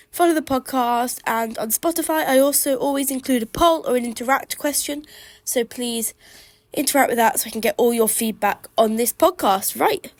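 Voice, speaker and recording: A high-pitched woman hosts a solo podcast outdoors, chatting eagerly as an enthusiastic darts fan. She's congested from a cold, and the recording is dry.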